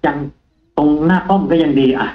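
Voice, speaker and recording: A man, a taxi driver, telling a ghost story in a casual, animated way on a live show. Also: fairly high pitch, fairly quick, roomy sound, highs cut off, soft background music. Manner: animated, acts out the quoted lines himself.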